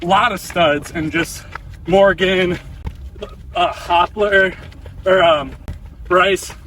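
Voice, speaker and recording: A man's voice: high voice, steady tone, takes it slowly, sharp tone. A man hosting a casual interview while running outdoors, talking in loose, bro-ish slang with plenty of fillers. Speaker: podcast host, interviewer. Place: outdoors on a run. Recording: distant mic, outdoor ambient noise.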